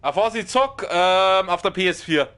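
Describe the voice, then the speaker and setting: A young Bavarian man streams a game with a loud, strong voice that can sound like shouting even in normal talk. His pitch sits a little high and swings around a lot, with a bright, forceful edge. He is excitable and quick to swear at the game. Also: clear, resonant tone. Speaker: let's play streamer. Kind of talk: live game commentary.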